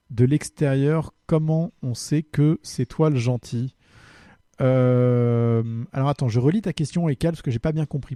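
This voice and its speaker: A man hosts a casual solo podcast and answers listener questions, pausing often to search for words. His voice is very dark and mellow. The recording is close and dry. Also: medium pitch, no room sound. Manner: hesitant, full of fillers, friendly.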